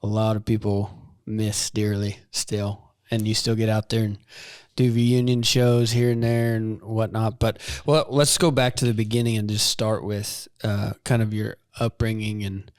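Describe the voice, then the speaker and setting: Male podcast host, low voice, easygoing and laughing, dry close sound. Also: little pitch movement, moderate pace, hardly any pauses, a little mellow, clear, resonant tone, no echo. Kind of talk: casual interview chat. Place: saddle shop.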